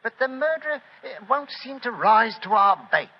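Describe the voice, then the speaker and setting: An actor playing a deferential, plodding police inspector with an English accent, speaking hesitantly in a 1940s radio drama. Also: male voice, very high-pitched, animated, moderate pace. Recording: noisy, dull 1940s radio recording.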